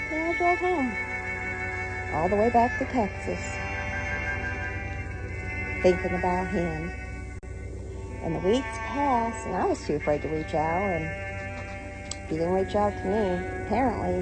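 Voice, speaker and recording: In a rough recording with clear music behind her, a middle-aged American woman with a lowish voice recounts a personal story. A storyteller and online content creator, she's casual, playful and sassy, performing the dialogue.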